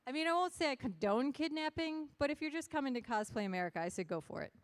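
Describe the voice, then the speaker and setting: Emceeing a costume contest on stage, a woman chats, jokes, and rallies the crowd with lively energy. Her voice is high-pitched and expressive, moving at a quick pace with no echo.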